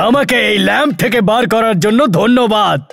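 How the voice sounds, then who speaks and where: A man voicing a servile genie from a ring in a cartoon, speaking slowly and chuckling. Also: high voice, gravelly, a bit bright. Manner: slow, drawn-out, chuckling. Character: laughing male ring genie, grand and servile.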